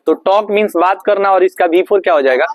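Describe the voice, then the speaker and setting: A man teaching an English class, putting questions to the students, answering them himself, and slowing right down on the English phrases. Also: high-pitched. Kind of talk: classroom lesson.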